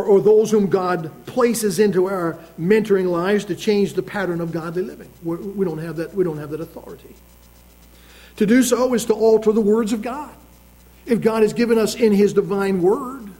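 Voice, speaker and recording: A high-voiced man preaches a sermon with a mellow, dark tone. He leans on slow, emphatic phrasing when he reads scripture. Between readings he drifts into conversational asides full of restarts. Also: low-quality recording. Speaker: pastor.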